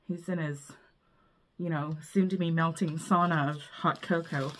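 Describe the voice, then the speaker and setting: A woman's voice: low-pitched, steady tone, measured pace, a bit bright, a little hiss or hum. A woman filming a casual unboxing vlog, bubbly and gushing, often breathless with delight. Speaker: vlogger.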